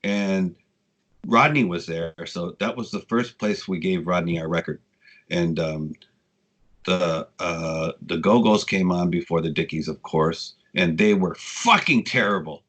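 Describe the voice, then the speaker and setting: A man in his sixties, a guest telling casual, rambling stories with frequent swearing, getting animated when he quotes people. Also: deep voice, unhurried. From United States. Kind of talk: casual storytelling interview.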